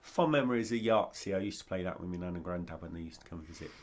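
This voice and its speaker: A man's voice: deep voice, quick pace. A man co-hosting a casual gaming podcast in an easygoing, agreeable way. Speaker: podcast co-host.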